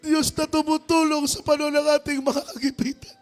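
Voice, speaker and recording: High, fervent male preacher with Filipino accent. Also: flat delivery, a little fast, faint music behind. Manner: fervent, repetitive refrains, rising to shouts. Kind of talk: sermon.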